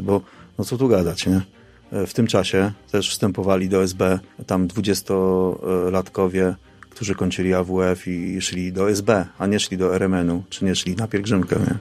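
A middle-aged man being interviewed, reminiscing informally in a halting, emphatic way with frequent tag questions. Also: deep voice, darkish tone. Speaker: interview guest recalling his youth.

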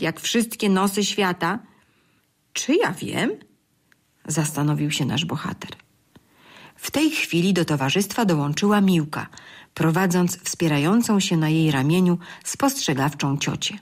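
A woman reading a children's story aloud in a calm, measured way. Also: fairly low pitch. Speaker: narrator. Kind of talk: scripted storybook narration.

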